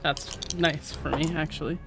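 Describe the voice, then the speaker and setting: A woman's voice: low voice, fairly even intonation, unhurried, gravelly, fairly bright tone, soft background music. A woman playing a tabletop game, asking rule questions with playful asides. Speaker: player.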